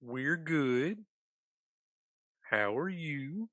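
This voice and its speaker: A man in a tabletop game who talks in a slow, folksy drawl. His pitch swings widely and his delivery is easygoing and jokey. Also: sing-song, fairly bright tone, no room sound, clean studio sound. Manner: folksy drawl with rural grammar. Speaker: player. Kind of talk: folksy in-character banter.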